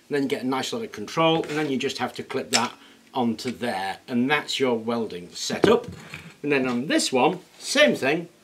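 A middle-aged man hosting a workshop video chats casually while explaining a project, hands-on and self-deprecating. His voice is mid-range, and there's background noise in the indoor workshop where he's recorded.

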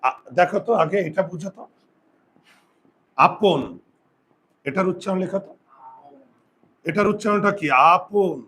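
A man's voice: high-pitched, fairly even intonation, brisk, long pauses, low-quality recording. A man teaching a pronunciation lesson in class. He drills the rules over and over and keeps asking his students questions. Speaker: Bengali grammar teacher.

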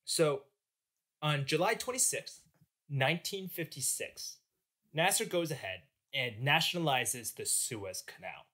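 Bright, animated male podcast host. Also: on the high side, unhurried. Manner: jokey, casual, slangy storytelling. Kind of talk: casual history podcast narration.

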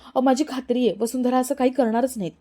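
A calm, loyal young man who reasons things through, as a female narrator reads him. He speaks in a very dark, mellow tone. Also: high-pitched, fast talker, pitched above the performer's own voice. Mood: earnest.

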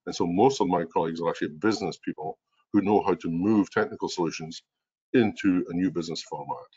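A deep male voice in his sixties with a broad, strong Scottish accent. He explains things like an executive giving a business webinar. The audio is dull and lo-fi, captured on a video call. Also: quick pace, dark tone, breathy edge. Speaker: organization president and chief executive, presenter. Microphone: video call computer mic.

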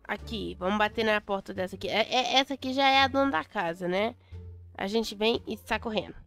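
A young adult Brazilian woman commentating a Roblox game, chatty and excitable, repeating words in bursts. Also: mid-range voice, brisk. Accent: Brazilian Portuguese. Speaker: Roblox gameplay host. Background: faint music.

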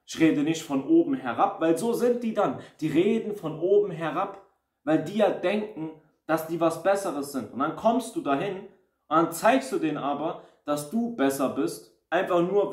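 Man, fairly high voice, ranting casual monologue, mocks critics, roomy echo. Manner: ranting, acts out quoted critics in mocking voices. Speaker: motivational video host.

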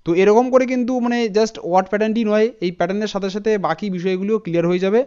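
A man teaching English pronunciation in a spoken lesson, spelling words out letter by letter and repeating each one slowly, often checking in with his students. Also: high-pitched, fairly even intonation, a little mellow, clean tone, dull audio. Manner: addresses students directly with frequent "thik ache" checks.

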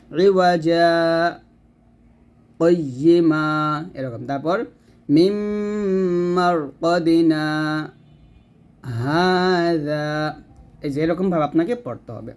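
A man teaching Quran reading in a spoken lesson, patiently explaining and repeating words. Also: fairly high pitch. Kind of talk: casual spoken lesson with slow recitation examples.

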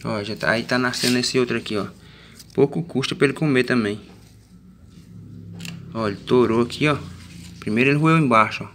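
A man's voice: mid-range voice, fairly quick, long pauses, fairly bright tone, slight background noise. A man with a Northeastern Brazilian accent, chatting casually to viewers about his garden in a folksy, plain-spoken way. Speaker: vlogger. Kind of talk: casual plant vlog.

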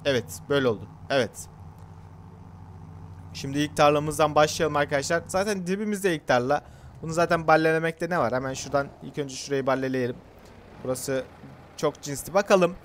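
A man's voice: a little high, fairly quick, a little hiss or hum. A young man chatting casually to his viewers while playing a farming game, joking at his own expense. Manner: chatty, self-mocking, talks to viewers. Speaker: gaming YouTuber. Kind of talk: casual gameplay commentary.

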